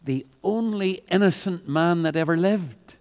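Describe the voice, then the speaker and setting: A man preaching an evangelistic sermon, often repeating words as he starts a phrase and rising to loud peaks. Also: sits high, measured pace.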